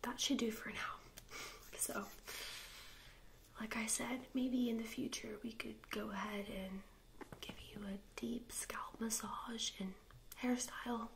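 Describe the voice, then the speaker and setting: Young woman doing a snooty party girl in a whispered role-play, snippy and fake sweet, highish with vocal fry. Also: flat delivery, a little slow, long pauses, background noise. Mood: smug, belittling. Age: young adult. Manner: mock-sweet, snippy, condescending. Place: small indoor room, seated before camera.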